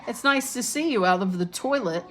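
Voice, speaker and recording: An anxious, bookish schoolgirl, voiced by a woman reading a storybook. She talks in a flustered way, covering her nerves with forced brightness. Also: on the high side, big pitch swings, takes it slowly, background noise, pitched above the performer's own voice. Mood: falsely bright.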